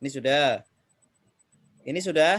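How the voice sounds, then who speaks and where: A man teaching an Arabic reading class, slow and patient, repeating each student's answer. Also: a little high, a bit bright, no echo. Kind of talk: online class drilling students.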